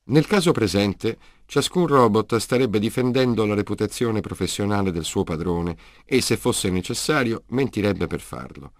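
A man reads a humanoid robot in a storybook, deep and steady, courteous and logical, explaining things in measured sentences. The sound is close and dry with no room around it. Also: dry recording, natural voice. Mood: reasoning. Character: calm humanoid male robot, polite and logical. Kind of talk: audiobook character reading.

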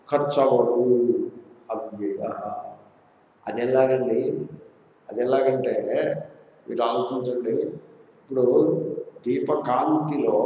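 A man's voice: mid-range voice, mellow, slight background noise. Man teaching scripture in an echoey hall. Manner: explains by asking and answering his own questions; chants verses slowly. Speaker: spiritual teacher. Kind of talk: scripture discourse. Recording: distant, echoey hall, dull lo-fi.

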